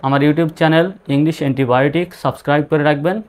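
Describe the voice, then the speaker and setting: A man teaching an online spelling lesson, slowly spelling words out letter by letter in a patient way. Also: on the high side, steady tone. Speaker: English teacher.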